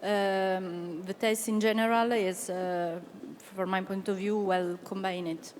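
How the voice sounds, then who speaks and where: A woman giving tasting opinions as an expert guest, halting and searching for words. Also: medium pitch, steady tone, a little mellow. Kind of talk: tasting commentary. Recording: long hall reverb, faint noise.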